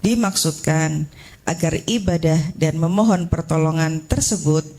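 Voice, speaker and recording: A woman's voice: sits low, measured pace. Woman reading a commentary aloud in class. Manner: steady reading of a translated commentary.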